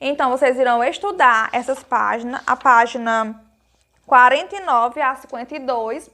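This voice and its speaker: A woman's voice: high voice, normal speed, sharp tone. A woman with a Brazilian accent teaching a recorded grammar lesson to young pupils, explaining patiently step by step with affectionate diminutives and asking questions she answers herself. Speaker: primary school teacher.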